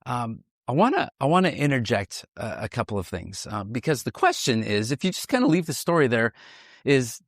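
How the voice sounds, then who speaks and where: A man's voice: medium pitch, brisk, dry recording. Man explaining scripture outdoors, dry sound. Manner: animated explainer with frequent restarts. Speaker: Bible teacher host. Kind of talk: conversational Bible teaching. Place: outdoors at ancient hilltop ruins.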